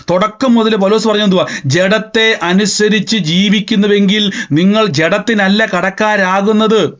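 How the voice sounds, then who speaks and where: High-voiced preaching man, lo-fi sound. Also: fairly bright tone. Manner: preaching with rhetorical questions and scripture quotes. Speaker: pastor. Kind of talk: sermon. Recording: dull lo-fi sound.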